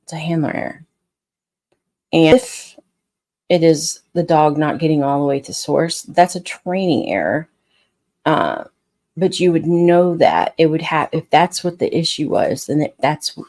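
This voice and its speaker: A woman's voice: low voice, expressive, normal speed, darkish tone, dry recording. A woman dog trainer in casual, unscripted talk, blunt and frustrated, rambling with frequent restarts. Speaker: scent work dog trainer.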